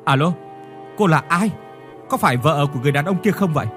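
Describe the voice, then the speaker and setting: A man's voice: fairly high pitch, lively intonation, fast talker, a bit bright, soft background music. A man voicing a frightened, guilty young husband who stammers in panic. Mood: uneasy.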